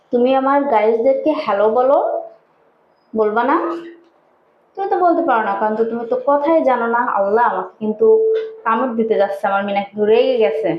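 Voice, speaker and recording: Woman vlogger, higher voice, coaxing sing-song chat to pet birds, echoey dull home recording. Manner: coaxing, sing-song baby talk to the birds, rising high when calling them. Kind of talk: casual vlog chat, talking to her pet birds. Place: home, indoors. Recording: echoey room, dull lo-fi sound.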